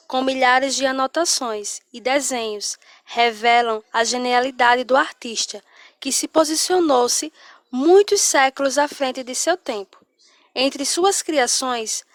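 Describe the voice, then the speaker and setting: A woman teacher, reading an art lesson in a measured way. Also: high-pitched, no echo.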